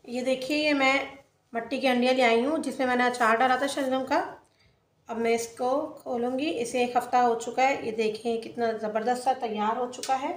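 A woman's voice: fairly high pitch, fairly even intonation, moderate pace, roomy sound. A woman hosting a cooking channel, narrating a home recipe step by step as she works in her kitchen. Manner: plain, explains each step as she works.

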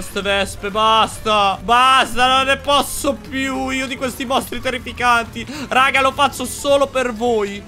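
A young man giving excitable gameplay commentary, squealing in disgust at monsters and talking straight to his viewers. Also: very high voice. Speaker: gaming YouTuber.

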